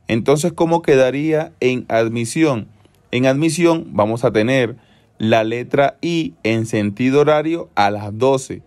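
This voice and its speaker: A man's voice: medium pitch, darkish tone. Methodical man explaining engine repair. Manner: methodical, repeats key steps; self-corrects mid-sentence. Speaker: car mechanic, channel host. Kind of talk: instructional how-to narration.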